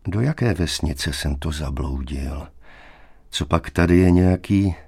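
A man doing a quiet, composed surveyor. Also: sits low, vocal fry, slightly rough, no echo, heavily acted. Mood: puzzled. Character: calm, weary male land surveyor.

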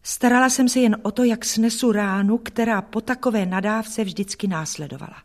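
A woman reading a first-person story aloud as an audiobook narrator, steady and even. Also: medium pitch.

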